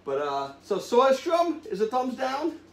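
A man's voice: very high-pitched, wildly swooping pitch, measured pace, creaky. A middle-aged man casually hosting to camera, exclaiming in disgust at a bad smell. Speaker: host of a family food challenge show. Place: living room at home. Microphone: camera a few feet away. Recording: roomy, distant mic with faint noise.

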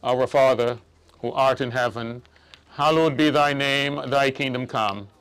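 A man, a priest, recites formal burial prayers outdoors at a graveside in a solemn, measured manner. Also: mid-range voice, fairly bright tone, clean tone.

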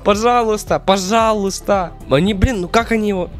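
A man's voice: high voice, normal speed, soft background music. A man doing gaming prank commentary as a YouTuber narrating his video.

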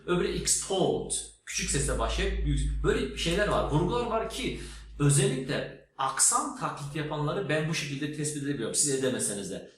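A man's voice: fairly high pitch, a bit bright. A man giving a spoken lesson, emphatic and teacherly, demonstrating words aloud. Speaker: English teacher. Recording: very echoey room with faint noise.

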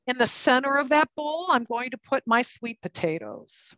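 A woman's voice: high voice, expressive, moderate pace, fairly bright tone, dry recording, highs cut off. A woman teaching a cooking class, chatting and explaining each step while she works with her hands. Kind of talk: live cooking demonstration.

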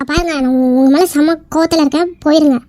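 A piercingly high, fast-talking cartoon wife, voiced by a woman, hurt and indignant, snaps back with rapid retorts. The recording is close and dry, with no room around it. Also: warm tone, dry recording, close to an everyday voice. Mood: angry. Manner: scolding, indignant, quick retorts. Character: young wife, hurt and angry, sharp-tongued. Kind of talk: cartoon skit voice acting.

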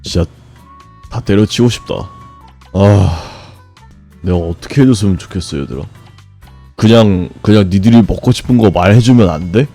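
A man streaming a game, grumbling and swearing at it, then breaking into sudden high shouts. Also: normal speed, long pauses, soft background music. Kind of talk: frustrated live gameplay commentary.

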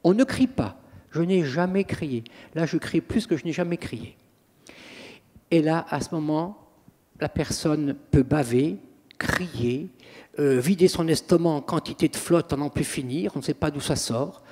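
A priest and exorcist giving an anecdotal public talk, acting out scenes as a theatrical storyteller. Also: male voice, on the high side, measured pace, a little mellow. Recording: long reverb of a hall.

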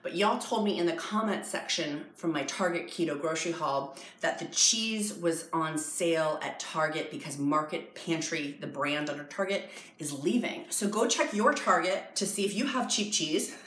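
A vlogger chats to the camera in her home dining room for a cooking vlog, bubbly, jokey and calling viewers y'all. Her voice is lowish and fairly bright at a normal speed, with a roomy sound on a rough recording.

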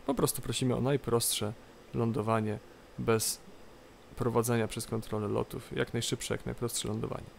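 A man presenting an unscripted game tutorial, explaining step by step in a halting way and repeating phrases. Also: mid-range voice, little pitch movement, gravelly. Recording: light background noise, game cockpit ambience. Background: flight simulator cockpit ambience.

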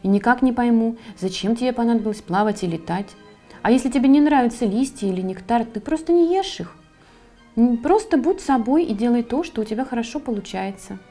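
Gentle female ladybug, voiced by a woman, reassuring, a bit raised in pitch, mellow, storybook. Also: animated, fairly quick, soft background music. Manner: warm, reassuring. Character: kind, caring female ladybug.

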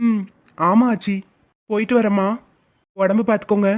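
A performer voicing a steady, kind young man who is a police officer in a cartoon. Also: mid-range voice, normal speed, close to an everyday voice. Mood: calm. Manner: reassuring, calm. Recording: tinny phone-like sound.

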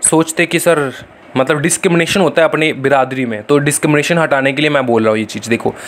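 A man's voice: a little high, fast talker. A man giving a casual online lecture, talking informally and checking in with students often. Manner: chatty, repeats tag questions to students. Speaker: teacher.

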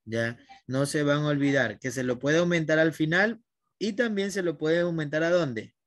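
A male teacher with a fairly high voice leads an online lesson, calling students by name and coaxing answers. The sound is dry and close, with no room around it. He speaks patiently and steadily. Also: moderate pace, no echo.

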